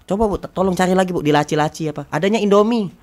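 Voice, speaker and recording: A lively, slightly high-voiced male storyteller. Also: racing. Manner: acts out dialogue, swinging pitch and loudness. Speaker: guest telling his story. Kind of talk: animated storytelling on a talk show.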